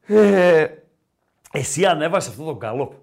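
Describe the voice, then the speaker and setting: High-voiced man in jokey sports banter. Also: gravelly. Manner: joking, animated banter. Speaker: podcast host. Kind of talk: casual sports chat.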